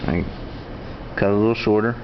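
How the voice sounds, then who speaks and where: A man's voice: fairly low pitch, normal speed. A man giving a casual, plainspoken, matter-of-fact how-to demonstration as an instructor. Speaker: instructor demonstrating duck call tuning. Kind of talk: casual hands-on tutorial. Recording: dull lo-fi sound with clear background noise.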